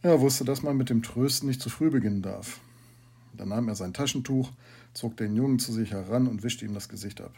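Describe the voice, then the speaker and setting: A man reading a story aloud in a calm storytelling manner. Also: mid-range voice, fairly quick, creaky, breathy edge. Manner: calm storytelling, quieter for asides. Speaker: narrator.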